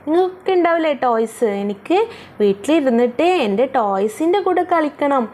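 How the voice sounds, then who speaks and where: A woman teacher explaining an English textbook lesson, coaxing and slow, asking questions and answering them herself. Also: sits high, lively intonation, a little mellow.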